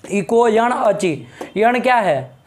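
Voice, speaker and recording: A man's voice: high voice, lively intonation, slow. A man teaching a Sanskrit grammar lesson in a classroom, prompting students with questions and repeated checks for understanding.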